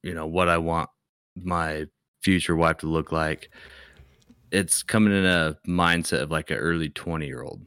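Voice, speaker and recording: Very deep, bright-voiced male podcaster. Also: fairly even intonation, unhurried, clear, resonant tone, no room sound, clean studio sound. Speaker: podcast co-host. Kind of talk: casual group chat.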